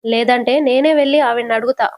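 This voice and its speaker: Curt, protective young husband, read by a woman narrator, high and dry. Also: steady tone, quick pace, darkish tone, no echo, lightly acted. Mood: angry. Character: hot-tempered young husband, protective, blunt.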